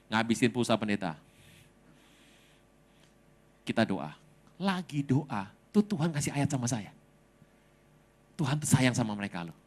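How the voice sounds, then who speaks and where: Lively storytelling male pastor. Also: mid-range voice, measured pace, pauses often. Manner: lively storytelling with humor and dramatic swings. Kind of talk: sermon.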